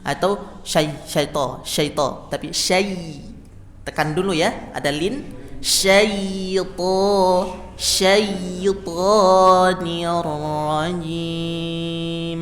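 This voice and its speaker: Slow, over-enunciating Indonesian male teacher in echoing hall. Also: on the high side, fairly bright tone, soft background music. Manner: over-enunciates, stressing and drawing out syllables. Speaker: Quran recitation teacher. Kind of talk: instructional lesson with chanted demonstrations.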